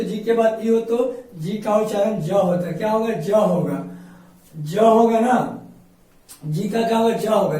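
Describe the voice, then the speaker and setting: A man's voice: sits high, dark tone. A male coaching teacher with a Bihari Hindi accent, explaining English pronunciation in a classroom lesson. He asks himself questions and answers them, repeating each point. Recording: echoey room, distant mic.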